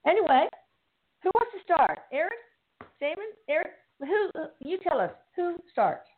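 A woman's voice: very high voice, big pitch swings, moderate pace. A woman hosting a casual video-call chat, her voice choppy and breaking up over a bad connection, talking in a chatty, rambling way. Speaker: host. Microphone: computer headset mic on a video call. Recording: tinny call line with faint noise.

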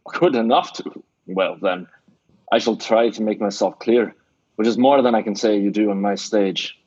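An actor playing a shrewd, blunt middle-aged Scottish theatre owner, with a Scottish accent, in an old-time radio drama. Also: male voice, on the low side, moderate pace, a little mellow, breathy edge, no echo. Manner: blunt, scolding, sly. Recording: dull dry lo-fi radio recording.

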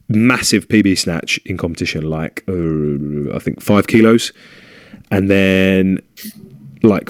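British guy cohosting, lowish voice, chatty and rambling, no room sound at all. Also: no room sound, clean studio sound. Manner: chatty, rambling, hums fillers. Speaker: podcast co-host. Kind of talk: casual chat. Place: home room.

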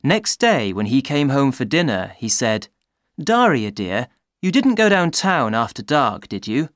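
A native English speaker slowly reading practice words and a short rhyme for learners, clearly articulated. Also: mid-range voice, sing-song, no echo, studio quality. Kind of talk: slow careful read-aloud of practice words.

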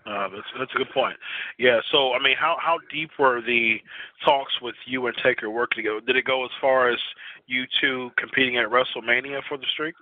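A man asking casual, halting questions as a podcast interviewer. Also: medium pitch, no echo, phone-quality sound.

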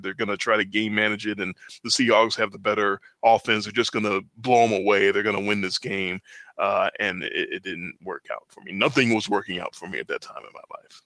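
A man's voice: on the low side, sharp tone, no echo. A man co-hosting a sports podcast, telling rambling self-deprecating stories in a casual chat. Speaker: podcast co-host.

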